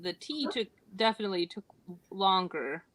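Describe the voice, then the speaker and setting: A woman's voice: mid-range voice, animated, normal speed, a bit bright. A woman chatting casually as a co-host during an online game. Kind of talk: casual chat.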